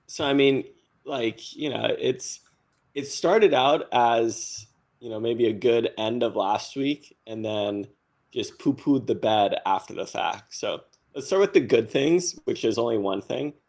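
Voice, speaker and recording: A man's voice: mid-range voice, unhurried, creaky, darkish tone. A man on a casual podcast panel, explaining finance news in a chatty way with fillers. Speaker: panelist on crypto.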